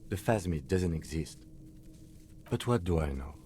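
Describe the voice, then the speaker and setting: A man voicing a calm, sarcastic police lieutenant in a video game. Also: low voice, a little slow, a little hiss or hum. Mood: dry. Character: calm, dry-witted male police lieutenant.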